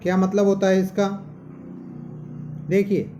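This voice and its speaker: A man's voice: sits high, completely flat delivery, unhurried, dark tone, slight background noise. A man teaching a Sanskrit grammar lesson, talking to his students as children and patiently repeating each term.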